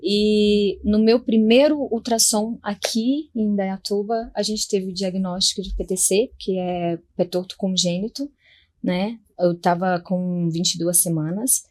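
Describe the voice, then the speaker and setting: A mother recounts her experience on a podcast in an emotional, heartfelt way, slipping into other people's voices as she acts out the conversations. Her voice sits at an ordinary mid pitch. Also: steady tone, measured pace, darkish tone. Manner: emotional, re-enacting dialogue. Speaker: mother telling her story. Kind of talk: podcast storytelling.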